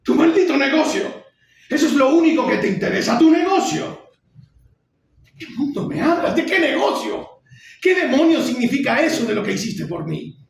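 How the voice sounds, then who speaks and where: Furious young son hurling accusations at his father, as a man acts him out, shrill high voice, shouting, heard from afar in an echoey hall. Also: sing-song, normal speed, vocal fry, a little hiss or hum, full character voice. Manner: shouting, outraged, high-pitched. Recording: echoey hall, mic far off.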